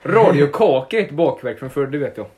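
A man's voice: medium pitch, sing-song, a crowd in the background. A man playing along as a contestant in a casual quiz, joking and swearing freely. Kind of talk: casual banter.

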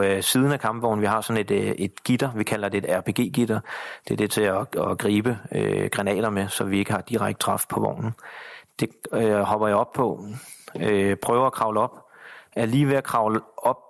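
A middle-aged man telling a personal combat story in an interview, halting with many fillers and restarts. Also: lowish voice, fairly even intonation, gravelly. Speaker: interview guest, soldier. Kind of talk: personal war account in interview.

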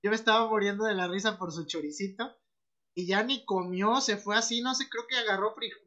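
A man's voice: high voice, a little fast, pushed and bright, dull audio. A man telling a funny story in casual chat, laughing often as he goes. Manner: laughing often, mimicking voices.

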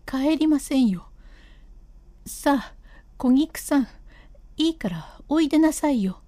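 Woman reader as a headstrong wife, high, insistent and pleading, mellow tone, dry close read. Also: animated, slow pace, dry recording. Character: stubborn, proud wife of a painter. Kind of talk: storybook reading of classic comic storytelling.

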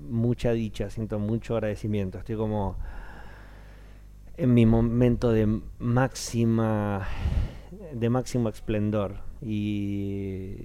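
A man's voice: fairly low pitch, smooth. A man in his thirties, a stage actor with a Rioplatense Spanish accent, talking casually in an interview and acting out the voices of people he quotes. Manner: animated storyteller, acts out quoted voices.

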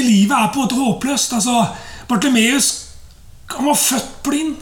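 A woman with a fairly high voice preaches a relaxed, conversational sermon. She talks loosely and casually, with lots of fillers and rhetorical asides. The room around her is echoey.

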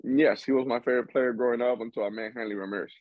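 A man's voice: medium pitch, fairly even intonation, fast talker, dry recording, phone-quality sound. A young man from Cuba, a baseball player chatting as an interview guest, rambling with restarts. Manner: rambling with frequent restarts and laughs. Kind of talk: casual interview chat.

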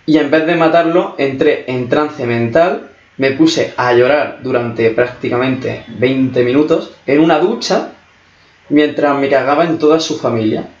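A man's voice: medium pitch, measured pace, slight background noise. A young man chats casually, loose and jokey, with swearing sprinkled through his talk. His voice sounds dull and lo-fi, in a room that echoes. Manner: relaxed, joking, swears often. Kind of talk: casual chat.

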